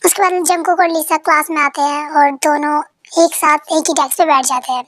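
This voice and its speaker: High-voiced woman narrating a fan story. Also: fairly even intonation, fairly quick, a bit bright, no room sound.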